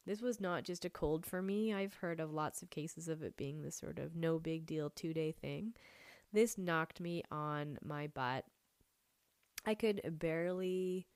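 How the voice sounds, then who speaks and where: A congested woman talks candidly to her listeners as the host of a wellness podcast. Her voice sits low for a woman and sounds stuffy in the nose. The recording is dry and close, with no room around it. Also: clean tone, dry recording. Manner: earnest and candid. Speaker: podcast host and health coach. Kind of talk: self-help podcast monologue.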